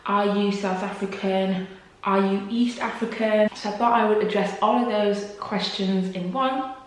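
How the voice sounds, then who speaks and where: A woman's voice: mid-range voice, fairly even intonation, a little slow, heavy reverb, a little hiss or hum, low-quality recording. A young woman from Congo chatting to camera in a casual Q&A, laughing often and using many fillers. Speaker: YouTuber.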